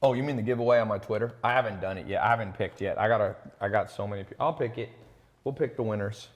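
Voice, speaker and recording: A chatty man with a fairly low voice hosts a live online pitch, talking loosely and bragging a little as he greets viewers by name. His voice hangs in a long reverb. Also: fast talker. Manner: chatty, boastful, reads out viewer names. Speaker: host of a live online sales talk. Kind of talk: casual live-stream pitch.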